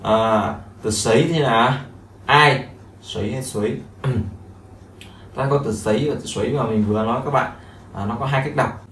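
Unhurried and fairly bright in tone, a man's mid-range voice leads a language lesson, explaining phrases again and again amid frequent fillers. Echo from the room, a far-off mic, and faint noise mark the recording.

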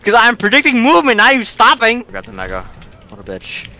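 Young man, mocking hyped gamer bro, animated pitch, casual sweary banter over noisy game sound. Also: a little fast. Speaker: gamer, co-player.

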